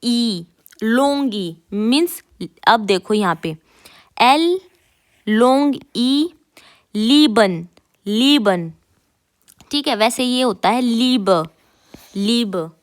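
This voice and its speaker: Brief: female teacher, unhurried, slightly high voice, repeats sounds for learners. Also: animated. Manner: repeats each sound slowly and clearly for learners. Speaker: German teacher. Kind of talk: casual spoken lesson.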